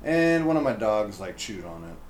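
A man's voice: lowish voice, big pitch swings, normal speed. A man co-hosting a talk show in casual, conversational style. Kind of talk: casual chat. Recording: echoey room with faint noise.

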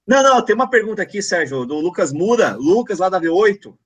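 A man's voice: high voice, fast talker, slightly rough. A man co-hosting a casual podcast chat, reading out a listener question and joking back. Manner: animated, joking, defensive.

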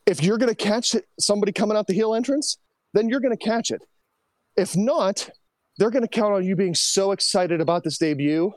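A man with a notably high voice gives an animated, opinionated rant on a casual podcast. The sound is dry and close, with no room behind him. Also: no echo. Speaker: podcast co-host. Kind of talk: casual chat.

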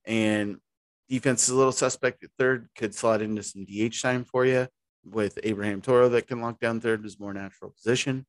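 A man's voice: on the low side, fairly even intonation, a little fast, dry recording. A man co-hosting a podcast, chatting casually about baseball in a rambling, easygoing way. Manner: rambling, easygoing, restarts mid-sentence. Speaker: podcast co-host. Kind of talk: casual sports chat.

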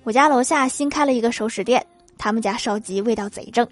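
A lively woman hosting a podcast reads jokes quickly in a voice on the high side, acting out quotes as she tells comic stories. She tosses in laughing asides after punchlines, with faint music behind her.

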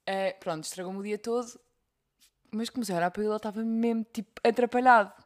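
A young woman with a European Portuguese accent, co-hosting a casual podcast and telling stories in an animated way, acting out the voices she quotes. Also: mid-range voice, fast talker. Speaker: podcast co-host. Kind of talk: casual chat.

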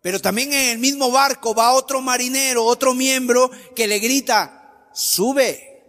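A man's voice: very high voice, steady tone, normal speed, sharp tone. A man preaching a sermon with an emphatic, sing-song cadence. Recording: long hall reverb.

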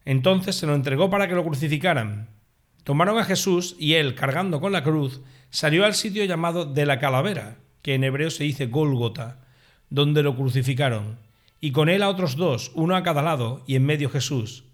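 A man reading the Passion Gospel aloud as a lector, steady and measured. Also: on the high side.

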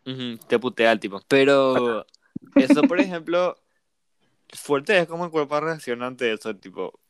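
A man's voice: medium pitch, sing-song, moderate pace, clear, resonant tone. A young man co-hosting a casual podcast chat, rambling with lots of fillers and restarts. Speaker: podcast co-host.

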